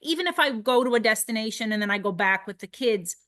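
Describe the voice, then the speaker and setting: A woman's voice: fairly high pitch, animated, fast, a bit bright. Chatty Canadian woman travel blogger. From Nova Scotia, Canada. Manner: chatty, enthusiastic storyteller. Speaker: family travel blogger, guest. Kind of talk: casual interview conversation.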